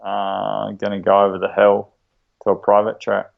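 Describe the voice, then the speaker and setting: Podcast guest: man, broad Kiwi accent, gravelly and laid-back, casual slangy chat, slightly muffled audio. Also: fairly low pitch, monotone, normal speed. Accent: broad New Zealand.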